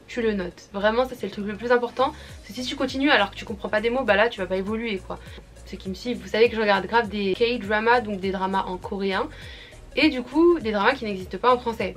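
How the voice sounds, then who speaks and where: Chatty young woman vlogger. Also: mid-range voice. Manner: chatty, slangy, addresses viewers directly. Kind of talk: casual advice vlog.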